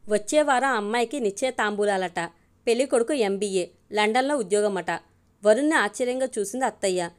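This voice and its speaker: A woman's voice: medium pitch, brisk. A woman reading a family story aloud, voicing the characters' dialogue in her own voice. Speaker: narrator.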